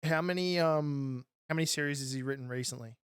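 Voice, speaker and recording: A man's voice: fairly high pitch, a little fast, clean tone, no room sound, studio quality. A man co-hosting a casual podcast chat, joking and teasing in playful banter. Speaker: podcast co-host.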